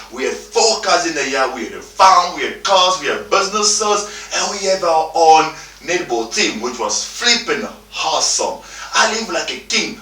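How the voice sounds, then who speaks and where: A man in his thirties delivers a motivational talk in emphatic, repetitive English. His voice is bright and forceful, and it rises and falls widely. He sounds a little distant in an echoey room, with faint music underneath. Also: mid-range voice, slight background noise. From Democratic Republic of the Congo. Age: 30s. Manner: emphatic, repeats himself, informal non-native English phrasing. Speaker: motivational speaker.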